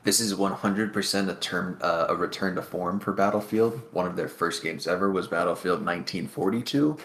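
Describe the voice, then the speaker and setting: A man's voice: deep voice, a little fast, a bit bright, a little hiss or hum. A man co-hosting a gaming podcast in casual chat, dry and teasing. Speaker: podcast co-host.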